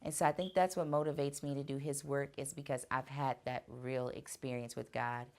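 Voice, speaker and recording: A woman singer answering fan questions in a casual vlog, speaking earnestly and reflectively with soft fillers. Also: very deep voice, flat delivery, normal speed. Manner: earnest, faith-driven speaking.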